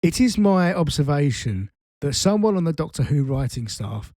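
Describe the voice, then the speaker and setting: Laughing, swearing man, slightly high. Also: moderate pace, no echo, studio quality. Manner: animated, swears freely, laughs often. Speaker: podcast co-host. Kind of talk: casual chat.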